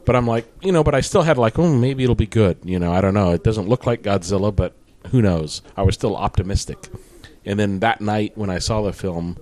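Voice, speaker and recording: A man with a low voice tells a memory in casual commentary. He stumbles through restarts and fillers as he goes. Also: darkish tone. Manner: halting storyteller, many fillers and restarts. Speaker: podcast co-host.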